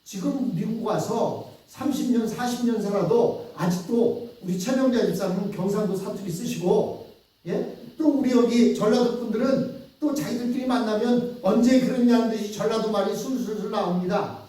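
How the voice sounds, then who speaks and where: A man's voice: sits high, normal speed, warm tone. A male pastor with a Chungcheong Korean accent preaching a Sunday sermon in storytelling style, asking the congregation questions. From Chungcheong, South Korea. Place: church sanctuary. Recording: echoey church hall from far off.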